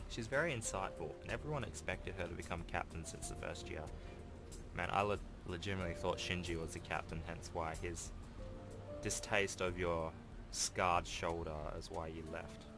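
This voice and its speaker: In a home recording backed by video game music, a young man with a low voice speaks at normal speed, giving casual let's-play commentary and reading game text aloud during his YouTube playthrough.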